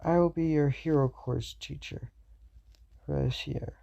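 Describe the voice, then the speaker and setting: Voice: medium pitch, steady tone, unhurried, vocal fry, dark tone, muffled recording, pitched above the performer's own voice. Someone doing All Might, a loose heroic teacher. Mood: announcing. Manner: loose, improvised, fumbles words. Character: big booming adult male superhero teacher.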